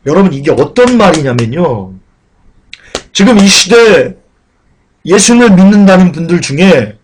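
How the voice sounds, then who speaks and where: A man preaching a sermon with passion. He asks the congregation questions and swings between raised, emphatic lines and quiet, low talk. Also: very animated, normal speed, slightly rough. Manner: asks the congregation questions and addresses them directly.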